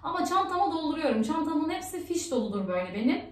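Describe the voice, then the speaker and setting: Chatty high-voiced woman vlogging at home. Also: sing-song, fast, reverberant. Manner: chatty, upset and ranting. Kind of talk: casual vlog chat.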